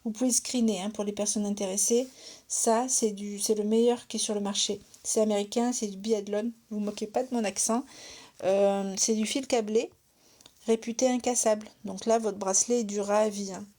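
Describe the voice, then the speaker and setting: Chatty middle-aged woman, mellow voice. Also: mid-range voice, fairly even intonation, normal speed. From France. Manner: chatty, asks "d'accord?" often, thinks aloud with fillers. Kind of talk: casual live crafting tutorial.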